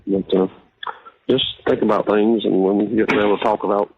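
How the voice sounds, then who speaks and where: A man talking over a jail payphone call line, halting and reassuring as he speaks with a jailed relative. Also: lowish voice, level tone. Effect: heard over a jail payphone call line. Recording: tinny phone line with faint hiss.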